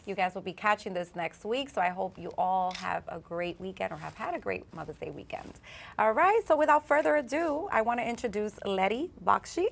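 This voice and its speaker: A woman's voice: medium pitch, lively intonation, a little fast, vocal fry. A woman co-hosting a podcast interview, upbeat and laughing often as she hypes her guest. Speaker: podcast co-host. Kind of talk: casual interview. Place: studio in the Bronx.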